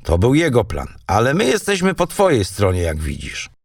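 Man reading earnest viking uncle, explaining a betrayal plan, raised pitch, lively. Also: moderate pace, creaky, husky, no echo, studio quality, full character voice. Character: older Norse uncle, earnest plotting conspirator.

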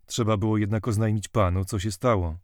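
Measured male audiobook narrator, dry sound. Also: fairly low pitch, fairly even intonation, no room sound. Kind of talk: scripted narration of a classic novel.

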